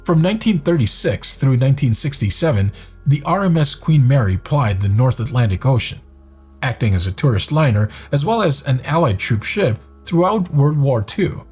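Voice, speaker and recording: A man reading scripted narration for a countdown video in a measured, even storytelling manner. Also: medium pitch, husky, soft background music.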